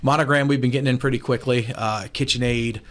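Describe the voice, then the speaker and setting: A man in his forties, an appliance store owner, talking briskly and confidently as a guest on a radio show over a video call. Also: medium pitch, fairly even intonation. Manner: brisk, confident business talk. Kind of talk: casual radio talk interview. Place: small room, indoors, remote video call. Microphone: studio mic with headphones.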